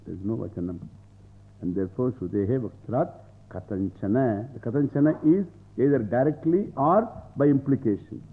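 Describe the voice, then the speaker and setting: This is a South Indian swami's scripture lecture, heard as if over a phone line, in an expressive mid-range voice at normal speed. He quotes Sanskrit and unpacks it word by word in English, often repeating phrases and posing rhetorical questions.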